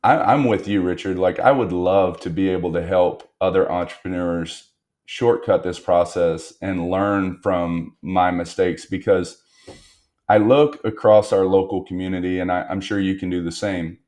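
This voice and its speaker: A man's voice: sits low, steady tone, moderate pace, darkish tone. A man speaking as a guest on a business podcast, reflecting on lessons learned and stressing points by repetition. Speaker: guest entrepreneur. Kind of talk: podcast interview.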